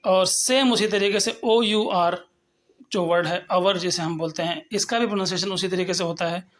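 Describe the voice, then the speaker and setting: A man teaching English pronunciation, explaining step by step and slowly sounding out example words. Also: sits high, steady tone. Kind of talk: lecture on phonetics.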